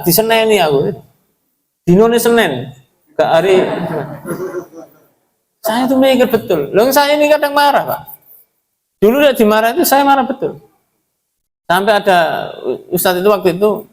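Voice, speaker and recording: A middle-aged man with an East Javanese accent, preaching conversationally at a mosque and often addressing his listeners directly. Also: sits high. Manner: conversational, mixes in local Javanese phrases, addresses audience as Pak. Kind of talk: mosque sermon.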